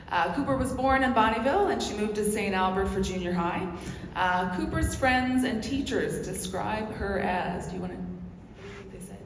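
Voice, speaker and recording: A woman introducing a speaker at a public event, talking in plain, earnest sentences. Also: medium pitch. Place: large hall, over a microphone. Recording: echoey hall with clear background noise.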